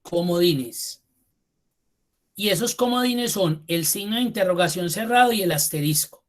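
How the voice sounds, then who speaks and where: Man teaching, repeating key words. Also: high voice. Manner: repeats key terms slowly for emphasis; addresses students directly and informally. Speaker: computer course instructor. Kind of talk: online class lecture.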